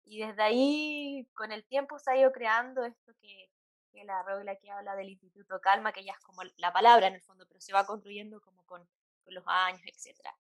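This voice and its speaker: A woman from Chile with a Chilean Spanish accent, a psychologist chatting as a guest, with many fillers and soft laughs. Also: mid-range voice, steady tone, fairly quick, dry recording. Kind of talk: casual interview chat.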